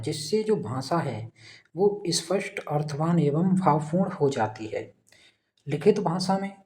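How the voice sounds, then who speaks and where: A man's voice: fairly high pitch, mellow. A man teaching a recorded exam-prep lesson, posing his own quiz questions and answering them, repeating key points. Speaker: Hindi teacher.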